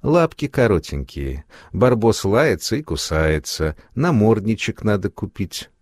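A man voicing a sly, sweet-voiced young seamstress girl who mocks slowly and calmly. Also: fairly low pitch, no echo. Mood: sweetly mocking. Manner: sugary, mocking, unhurried.

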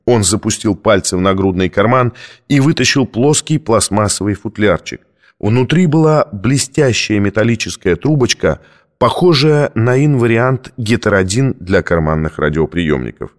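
Low-voiced man narrating an audiobook. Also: animated, normal speed. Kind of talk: first-person audiobook narration.

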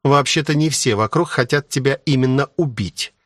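A man voicing a sharp-tongued older sister who talks in a brusque, scolding way. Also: mid-range voice, moderate pace, no echo, studio quality, voice pushed up, natural voice.

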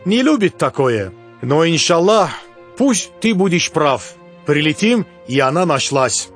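A man voicing a calm, laconic man from Baku with an Azerbaijani accent and terse, unhurried phrasing. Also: fairly high pitch, soft background music, voice pushed up.

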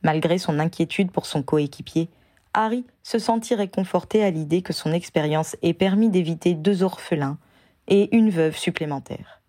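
Woman reading a story out loud, low mellow voice, close dry sound. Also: dry recording. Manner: measured, even reading. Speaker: audiobook reader. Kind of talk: storybook narration.

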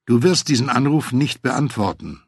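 A man's voice: mid-range voice, expressive, normal speed, breathy edge, dry recording, studio quality, voice pushed up. A man voicing an angry, worried wife who scolds her husband in an audiobook reading. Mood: firm. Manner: sharp, scolding.

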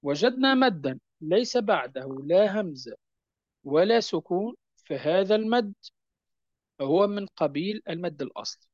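A man teaching a lesson on Quran recitation rules, patiently repeating key points and slowing down to recite verse examples. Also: high voice, expressive, no echo, dull audio. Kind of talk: explanatory lesson on tajweed.

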